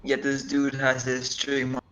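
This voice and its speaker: A man's voice: medium pitch, completely flat delivery, unhurried, fairly bright tone, rough recording. A man making dry one-liners in a casual group voice chat.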